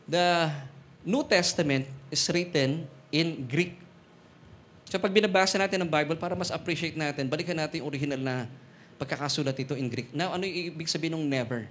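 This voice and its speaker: A man with a Filipino accent preaching a sermon, mixing Tagalog and English, joking with the congregation and slowing down on Bible verses. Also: on the high side, a bit bright. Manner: switches between Tagalog and English, jokes with congregation; slows to stress Bible verses. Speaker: pastor. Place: church hall.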